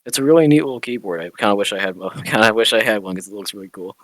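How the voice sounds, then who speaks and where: A man with a somewhat low voice co-hosts a casual film podcast. He explains details in a relaxed way and swears now and then. The recording is dry and close. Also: racing, dry recording, poor audio. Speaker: podcast co-host.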